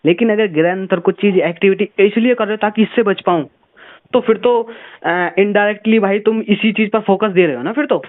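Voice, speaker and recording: A man's voice: high-pitched, moderate pace. A man giving earnest, preachy motivational advice on a phone call, repeating words for emphasis. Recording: tinny phone line.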